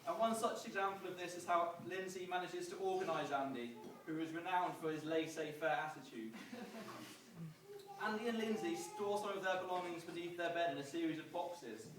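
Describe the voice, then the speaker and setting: A man giving a prepared, humorous best man speech, projecting to the room with dry storytelling and pauses. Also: high voice. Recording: echoey, distant, noisy event recording.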